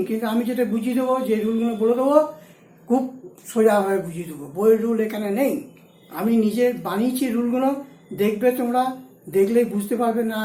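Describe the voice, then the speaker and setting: A woman teaching a shorthand class, explaining each rule slowly and repeating the key points. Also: on the high side, warm tone, echoey room, rough recording. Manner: repeats key points, switches between Bengali and Hindi. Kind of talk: explaining rules step by step in a lesson.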